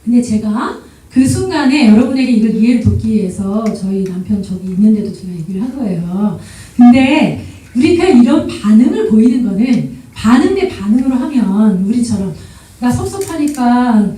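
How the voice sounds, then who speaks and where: A woman with a high but mellow voice gives a church seminar talk as a guest lecturer. She tells stories with lively energy, laughing and acting out little exchanges. She sounds far from the mic in a very echoey church hall. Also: moderate pace. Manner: lively storytelling, often laughing and acting out quotes.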